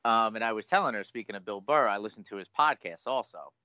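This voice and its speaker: A man co-hosting a podcast, chatting casually in an animated, filler-heavy, self-deprecating way. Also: fairly low pitch, fast talker, dry recording. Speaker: podcast co-host. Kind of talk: casual chat. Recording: dull dry lo-fi audio.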